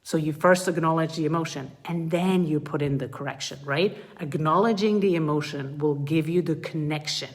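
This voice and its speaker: A woman coaches parents in a live group talk with a low, full voice at normal speed and hardly any pauses. She is earnest and animated, often acting out what a parent or child might say.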